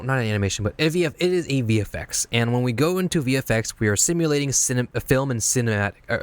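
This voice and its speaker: A man streaming, casually teaching video editing while reviewing viewer edits, rambling and repeating himself as he explains things step by step. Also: medium pitch.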